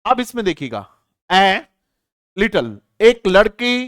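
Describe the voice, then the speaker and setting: Male exam-prep grammar teacher, slow and lively, keeps checking that students follow. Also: high voice, no room sound, studio quality. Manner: slow, drawn-out dictation of example sentences, frequent rhetorical checks. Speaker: English teacher.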